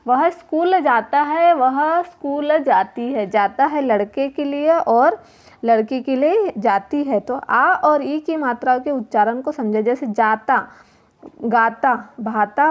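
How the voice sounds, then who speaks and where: A woman teacher explains a workbook lesson to young children, her voice sitting fairly high. She talks very slowly and deliberately, repeating each word and sound so the children can follow. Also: dull audio. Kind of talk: classroom lesson walkthrough.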